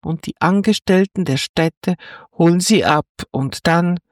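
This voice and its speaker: Narrator doing a little fox, wise, a touch mocking, slow and dry. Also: medium pitch, dry recording, close to an everyday voice. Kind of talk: storybook reading.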